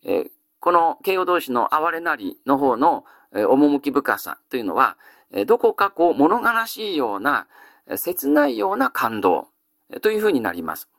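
A male teacher giving an explanatory lecture, pausing often on drawn-out "eh" fillers. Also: on the high side, wildly swooping pitch, creaky, a bit bright, no echo, studio quality.

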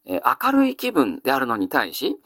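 Lively male teacher with drawn-out fillers. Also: medium pitch, breathy edge, dry recording, studio quality. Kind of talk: explanatory lecture.

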